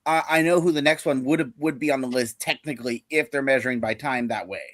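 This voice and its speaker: A man on a podcast panel giving measured, hedged opinions. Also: mid-range voice, a bit bright, no room sound, clean studio sound. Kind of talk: casual podcast chat.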